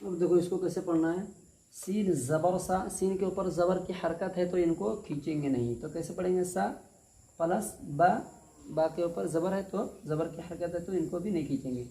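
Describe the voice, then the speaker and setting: A male teacher giving a spelled-out recitation lesson, patiently drawling each word out slowly and repeating it. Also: high-pitched, warm tone. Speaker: Quran reading teacher. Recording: echoey room with faint noise.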